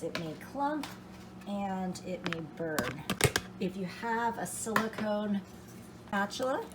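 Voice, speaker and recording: Low-voiced woman teaching a home recipe. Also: very noisy. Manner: explanatory and unhurried, with many fillers. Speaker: home cook demonstrating a recipe. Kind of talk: casual cooking demonstration. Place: home kitchen.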